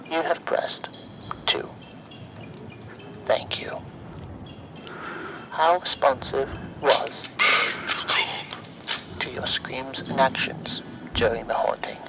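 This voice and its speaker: In a horror ASMR roleplay, a man plays a sinister automated phone survey, his medium-pitched voice breathy and often near-whispered as he makes measured, formulaic announcements in a cold, clipped mood. The audio has its highs cut off and carries background noise.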